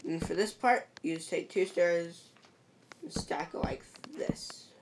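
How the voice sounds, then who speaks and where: A woman whispers in a lowish voice, going a little slow as she patiently guides listeners through building a game step by step. She checks in with "see?" and "perfect" throughout, and the home recording is noisy with clicks.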